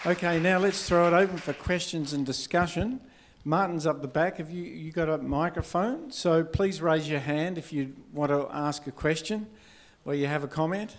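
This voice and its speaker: Moderator, slightly high voice, friendly, invites audience questions. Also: male voice, moderate pace. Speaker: session moderator. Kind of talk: moderating a conference Q&A.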